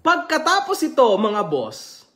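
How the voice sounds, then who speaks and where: Lively, mocking woman vlogger ranting. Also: high voice, unhurried. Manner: mocking, laughs often, mixes English into speech. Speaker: political vlogger. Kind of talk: casual sarcastic rant to viewers.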